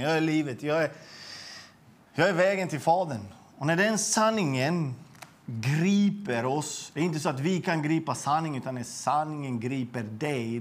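A middle-aged man with a slightly raised pitch shares his faith testimony. He talks earnestly and with feeling, and he often stumbles over repeated words and starts his sentences again. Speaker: guest sharing a faith testimony. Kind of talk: personal religious testimony.

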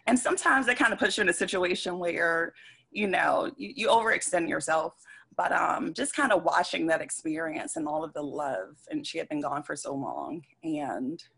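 A soft-spoken woman guest who pauses often and hesitates as she speaks. Her voice is low and gravelly, with a husky edge. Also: expressive. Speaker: interview guest. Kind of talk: personal interview chat.

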